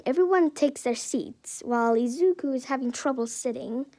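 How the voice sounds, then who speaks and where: Woman narrator, fairly high, mellow, loose playful storytelling. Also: normal speed. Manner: rambling, playful. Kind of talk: casual fan story narration.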